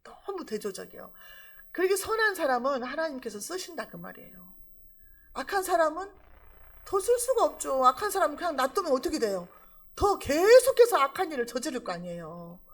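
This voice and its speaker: A woman's voice: high voice, big pitch swings, a little fast. A middle-aged woman pastor preaching a sermon, emphatic and full of rhetorical questions.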